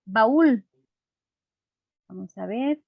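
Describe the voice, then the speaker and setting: A woman's voice: fairly high pitch, lively intonation, very slow, creaky, no echo, lo-fi sound. A woman teacher explaining a lesson patiently and simply, checking in with her class through frequent rhetorical questions.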